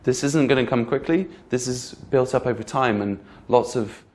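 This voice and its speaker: A man at an ordinary middle pitch leads an online English pronunciation lesson. He talks patiently and says his example phrases slowly so that the stressed words stand out. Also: darkish tone. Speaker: English teacher.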